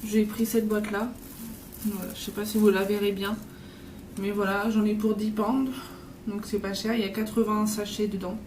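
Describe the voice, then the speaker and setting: A woman's voice: mid-range voice, flat delivery, normal speed. Rambling young woman vlogging from afar. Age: 20s. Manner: rambling, filler-heavy, self-correcting. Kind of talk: casual travel vlog chat. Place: hotel room. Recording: roomy, distant, noisy.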